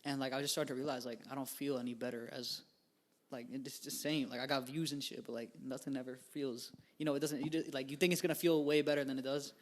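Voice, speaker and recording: Talking fast at a medium pitch that barely moves, this man in his twenties is a musician guesting on a podcast. His chat is loose and rambling, full of filler words and easygoing slang.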